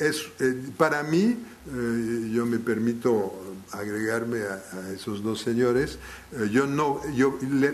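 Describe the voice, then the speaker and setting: Speaking to a live lecture audience, this man, whose first language is not Spanish, talks haltingly and keeps restarting phrases as he thinks aloud. His voice is mid-range.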